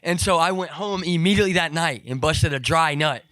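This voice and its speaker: A young man as an interview guest, telling stories in a rambling, profane, animated way with lots of fillers. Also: on the high side, a little fast, no echo. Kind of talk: casual storytelling.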